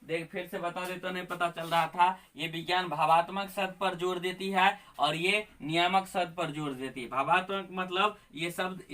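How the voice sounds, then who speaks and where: A man teaching an exam-prep lesson, asking questions and answering them himself, repeating key terms slowly while he writes. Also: sits high, fairly bright tone. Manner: repetitive quizzing, asks and answers himself; spells out words while writing.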